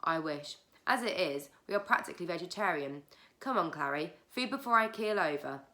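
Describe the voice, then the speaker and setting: A woman's voice: lowish voice, lively intonation, fairly quick, sharp tone. A woman doing a breezy, teasing young nurse.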